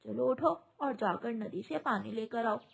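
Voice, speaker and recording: A woman's voice: a little high, a little slow, gravelly. A woman voicing a harsh, bossy old mother-in-law bird in a cartoon, sneering and cutting as she scolds. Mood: scornful.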